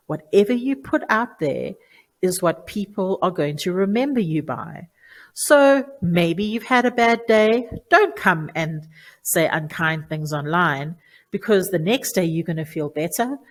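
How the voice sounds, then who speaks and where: A woman teacher speaks to children in a low, steady register. Her delivery is clear and deliberate, and she leans on key words to drive each rule home. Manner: clear, deliberate instructive delivery with emphatic stresses. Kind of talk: lesson for children on online manners.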